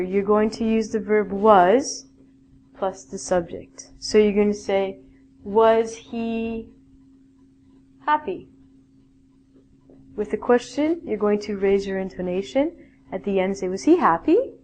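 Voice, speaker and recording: Slow, patient woman teaching English grammar. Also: mid-range voice, mellow, a little hiss or hum. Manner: slow, patient explaining with example sentences. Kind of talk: online grammar lesson.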